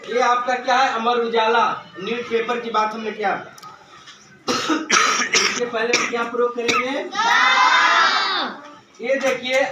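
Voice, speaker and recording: A man's voice: very high-pitched, little pitch movement, measured pace, long pauses, over a noisy crowd. A male teacher giving a grammar lesson, asking questions and answering them himself, and calling his students "beta". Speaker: school English teacher. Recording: echoey room from far off, noisy.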